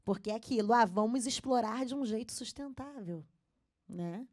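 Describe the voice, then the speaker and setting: A woman's voice: a little high, moderate pace, a little mellow. A woman speaking as a panelist at a symposium, earnest and emphatic, with frequent fillers. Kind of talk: panel talk. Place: symposium stage.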